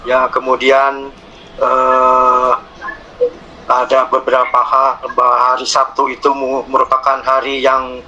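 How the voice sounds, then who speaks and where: A man moderating an online meeting, speaking haltingly with many fillers and pauses. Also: mid-range voice, monotone, sharp tone, muffled recording, a little hiss or hum.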